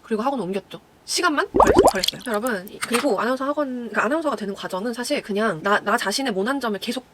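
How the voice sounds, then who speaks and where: A woman's voice: on the high side, expressive, very fast, few pauses, very noisy. A young woman, a former announcer, chatting casually to her viewers, telling stories and acting out the people in them. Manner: chatty storytelling, acts out quoted people. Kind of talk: casual chat to viewers while doing makeup.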